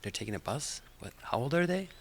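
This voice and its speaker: A middle-aged man from Finland, a podcast guest whose first language is Finnish, chatting in a relaxed, hesitant way with many fillers. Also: medium pitch, a little fast. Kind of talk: casual interview chat.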